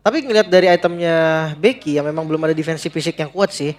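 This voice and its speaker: An Indonesian man comments on a live esports match in a high, fast voice. He keeps it chatty and casual. Noise and clicks are heard behind him. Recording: noisy live broadcast with clicks.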